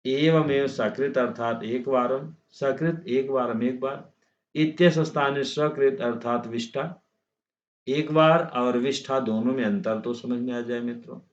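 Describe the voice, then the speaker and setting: A man teaching a textbook lesson, reading Sanskrit lines slowly and then explaining them in Hindi, repeating phrases and addressing students as friends. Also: mid-range voice, steady tone, highs cut off.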